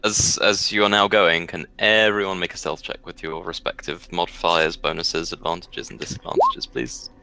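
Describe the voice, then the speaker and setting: A man narrating a tabletop role-playing game as game master, describing scenes in a halting, measured way. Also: low voice, creaky, sharp tone, rough recording.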